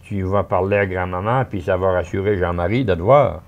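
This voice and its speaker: A man doing a gentle young Québécois woman. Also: sits low, brisk, dull audio. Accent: Québécois French.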